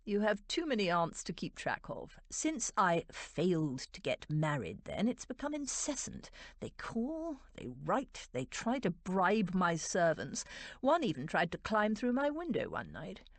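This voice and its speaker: A woman's voice: on the low side, huge pitch swings, unhurried, no room sound, full character voice. A woman narrator voicing an arrogant duke with a dry, disdainful drawl in a romance audiobook. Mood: disdainful, smug.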